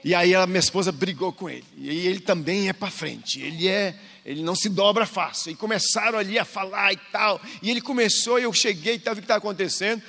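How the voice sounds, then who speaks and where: A man's voice: high-pitched, fast talker, gravelly, few pauses, pushed and bright. A man in his forties telling family stories with playful acted-out dialogue, co-leading a church marriage talk. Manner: storytelling, acts out dialogue, playful. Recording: echoey hall with long reverb.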